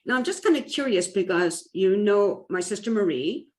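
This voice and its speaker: A woman's voice: mid-range voice, lively intonation, moderate pace, a little mellow. A woman from New Brunswick who interviews her guest in casual conversation, prompting her with short friendly questions. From New Brunswick, Canada.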